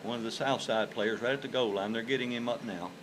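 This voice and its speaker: A man calls a local football game in an informal, folksy style. His voice is medium in pitch and conversational. Clear stadium noise sits behind the live commentary. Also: fast talker. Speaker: play-by-play announcer for high school football.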